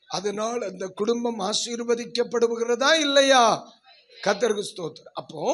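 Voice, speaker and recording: A male pastor preaching a sermon in a church service, asking the congregation questions and leading loud prayer. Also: sits high. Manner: leads loud prayer and shouts of hallelujah.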